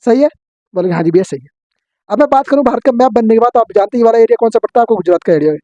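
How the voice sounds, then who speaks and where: Fast-talking male teacher, dull lo-fi sound. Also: extremely high pitch, mellow, no room sound. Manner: drilling with quick questions and answers. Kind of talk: exam-prep geography lesson.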